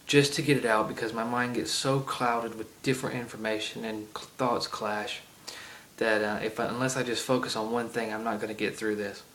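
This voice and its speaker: A man with a lowish, fairly bright voice and little pitch movement talks at a moderate pace, recorded on an iPod camera with slight background noise. A gaming vlogger with a heavy Southern accent, he rambles through a casual game rant full of ums and side tangents.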